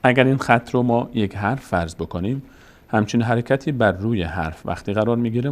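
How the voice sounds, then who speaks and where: A man with an Afghan Dari accent teaching Quran reading in a step-by-step lesson. He explains patiently and recites the alphabet letter by letter. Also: on the low side.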